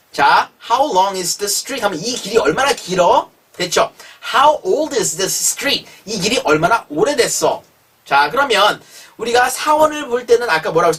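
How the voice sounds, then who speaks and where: An English teacher giving a chatty language lesson, reading example sentences slowly and clearly before translating them, with frequent prompts to the learner. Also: mid-range voice, a bit bright. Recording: voice a little distant from the mic.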